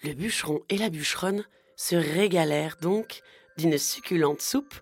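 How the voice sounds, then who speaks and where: Female storyteller: low, slow, gentle children's narration over music. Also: breathy edge. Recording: music playing underneath.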